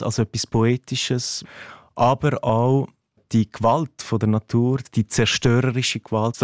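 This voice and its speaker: Being interviewed on radio, this man, a teacher from Ticino in Switzerland, explains in a relaxed manner, a touch hesitant and thoughtful. He has a mid-range voice, captured in a dry studio with no room sound.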